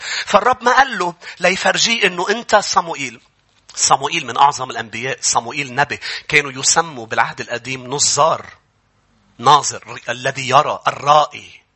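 Lebanese pastor guy preaching, bright sharp voice, gets loud and shouty. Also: fairly high pitch, slightly rough. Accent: Lebanese Arabic. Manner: preaching with rising, shouted emphasis. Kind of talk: sermon. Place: church.

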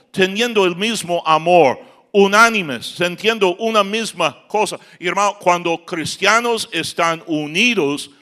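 A man's voice: high voice, bright, forceful tone. A man preaching a sermon as pastor, building to emphatic outbursts. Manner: preaching with rising emphatic outbursts and acted quotes.

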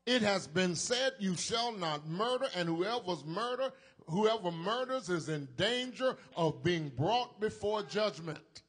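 A man's voice: sits high, expressive, fairly bright tone, husky. A male preacher delivering a sermon in an emphatic preaching style, calling on the congregation to repeat after him. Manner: slow, emphatic preaching with call-and-response to the congregation.

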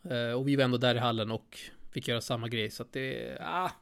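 A man's voice: medium pitch, steady tone, creaky, a bit bright, clean tone. Easygoing man in casual banter. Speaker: podcast co-host. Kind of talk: casual chat.

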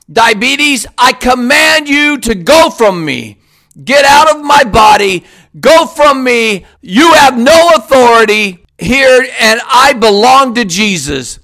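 A man declaring a healing prayer in a commanding, forceful way, with repeated shouted declarations. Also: very high-pitched, creaky.

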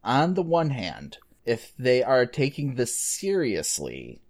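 A man on a game show panel thinking out loud and laughing over a video call. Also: medium pitch, wildly swooping pitch, slow pace. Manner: deliberating aloud, laughing.

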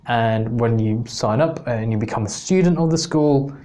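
A man's voice: medium pitch, normal speed, warm tone. A man from England telling a personal story on his podcast in a casual, rambling way, with many restarts. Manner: rambling, many restarts, self-mocking laughs. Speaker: podcast host.

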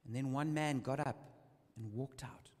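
A man's voice: mid-range voice, measured pace, a little mellow. A man preaching a sermon in English with a live interpreter, telling a story dramatically. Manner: dramatic storytelling, rising and falling with the tale. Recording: reverberant hall sound.

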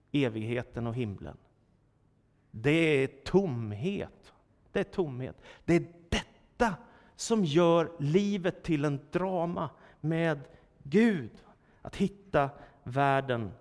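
Male preacher, high voice, emphatic sermon delivery with rhetorical questions, long church-hall reverb. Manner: emphatic, rhetorical questions, dramatic swells in loudness.

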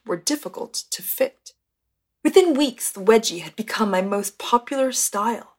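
Woman reading a memoir aloud. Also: medium pitch. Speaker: audiobook reader. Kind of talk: audiobook narration of a memoir.

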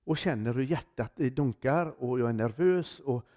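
A man's voice: medium pitch, dark tone. A man preaching a sermon in a conversational, storytelling way, telling a personal testimony and acting out the dialogue in it. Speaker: guest preacher.

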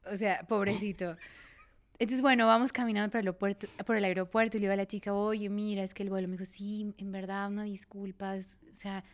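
A woman in her thirties with a voice of ordinary pitch, co-hosting a relaxed podcast. She recounts a story in a chatty way and acts out what people said along the way. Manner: chatty, quick to defend, quoting others. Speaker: podcast co-host. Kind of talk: casual storytelling chat.

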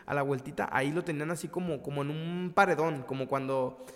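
A man with a Mexican accent tells a long personal story in casual, slangy chat. He often stops and restarts his words. His voice sits a bit high, and a long reverb hangs on it. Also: fairly even intonation, brisk.

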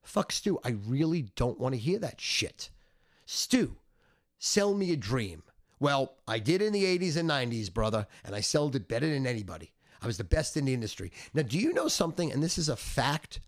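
A middle-aged or older man ranting a sales pitch as a sports betting handicapper, smug, cocky, brash and foul-mouthed, with heavy emphasis. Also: sing-song, quick pace, few pauses.

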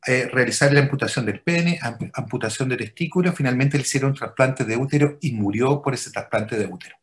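Interviewed as a guest over a video call, this Chilean physician patiently walks through his work, frequently checking in with the listener. He speaks with a medium-pitched voice at a fairly quick pace.

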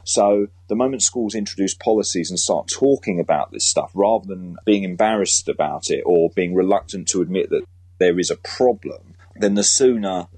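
A British school teacher and author, a guest in an interview, speaks earnestly and emphatically in a conversational style. His voice is deep, husky and darkish, at a moderate pace, with no echo.

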